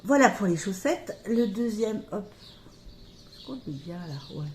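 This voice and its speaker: A middle-aged woman chatting casually about her knitting, hesitant, with many pauses and fillers, recorded by a camera on a table near her. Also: medium pitch, animated, darkish tone, echoey room, slight background noise. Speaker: knitting podcaster.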